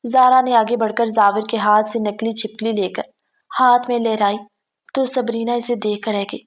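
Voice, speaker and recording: A woman narrating a romance novel in a steady, even storytelling manner. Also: on the high side. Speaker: novel reader.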